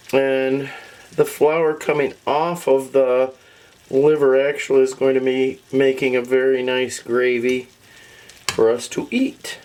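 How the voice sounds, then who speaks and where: A woman's voice: extremely low pitch, a little mellow, low-quality recording. A woman hosting a casual cooking show in her home kitchen, chatting to viewers in a homey way while she is losing her voice, with a sizzling pan behind her. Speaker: home cook host. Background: sizzling pan and kitchen sounds.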